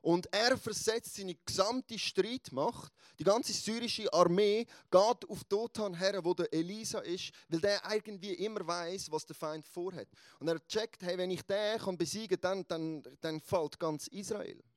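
High-voiced preacher. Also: male voice, a little slow, few pauses, no echo. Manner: animated storytelling, emphatic. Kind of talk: sermon.

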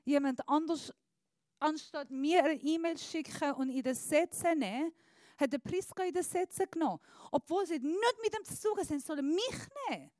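High-voiced woman preaching a sermon. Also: lively intonation, dry recording. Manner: emphatic, swings between soft and loud; slow deliberate phrasing with pauses. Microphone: handheld microphone.

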